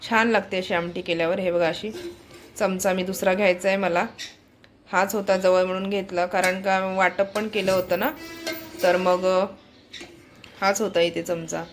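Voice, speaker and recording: A woman's voice: mid-range voice, little pitch movement, moderate pace, soft background music. A woman chatting casually to her viewers in a home vlog, filming around her house and calling out coaxingly now and then. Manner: chatty, talks straight to viewers; coaxing calls in a raised voice. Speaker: family vlogger. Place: home kitchen and hall.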